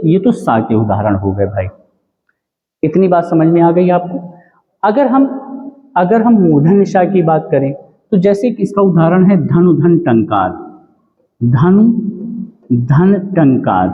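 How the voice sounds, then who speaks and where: A man with a fairly high voice teaches an exam-prep grammar lesson. He repeats every rule and keeps quizzing the listener, dragging out the syllables of each example word. The sound is tinny and lo-fi, with a long, ringing echo. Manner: drawn-out, spelled-out syllables on the examples.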